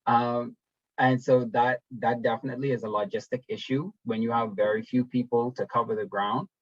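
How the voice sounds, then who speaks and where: A young man from the Bahamas giving a webinar presentation over a video call, talking in a relaxed, conversational way with frequent ums and restarts. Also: medium pitch, dry recording. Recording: dull, dry webinar audio.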